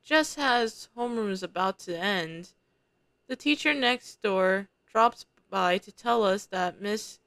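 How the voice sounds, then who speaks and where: A young woman reads a visual novel aloud on stream, breaking off into chatty, slangy comments. Her voice sits at a middle pitch in a dry, close recording. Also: slow pace, a bit bright, smooth, no echo. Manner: chatty, slangy asides between narration.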